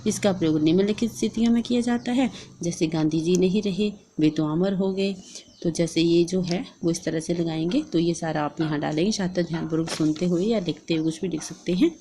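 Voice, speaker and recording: A woman with a Hindi accent explaining a lesson plan step by step in a steady, instructive way, as a teacher-training vlogger. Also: fairly low pitch, brisk, slight background noise. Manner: steady instructive delivery, reading out and dictating.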